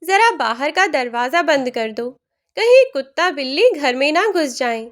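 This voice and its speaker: A woman voicing an elderly mother-in-law who keeps calm while her daughters-in-law insult her. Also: high voice, normal speed. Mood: restrained. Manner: pleading, then scolding. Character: older mother-in-law, hurt but restrained.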